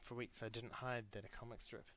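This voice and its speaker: A young man giving a grandiose, mock-solemn comic monologue with deadpan earnestness and sudden loud outbursts. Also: medium pitch, brisk, a little hiss or hum. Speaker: comedic monologue performer. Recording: dull lo-fi recording.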